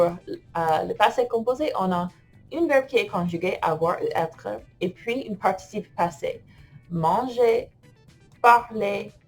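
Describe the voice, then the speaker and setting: A woman's voice: mid-range voice, a little mellow, slightly rough. A woman teaching French grammar in an online lesson, playful and laughing often as she types and talks to herself.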